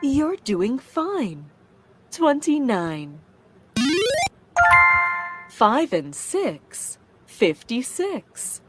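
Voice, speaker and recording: A woman calling bingo numbers with their rhyming calls, slow and measured. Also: on the high side, big pitch swings. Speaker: bingo caller. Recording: loud music playing underneath.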